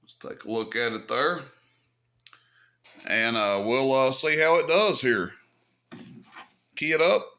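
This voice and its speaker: Slow and sharp-toned, this mid-range male voice leaves long pauses. As host of a CB radio hobby channel, he shows off gear in a relaxed, folksy manner, musing out loud as he goes.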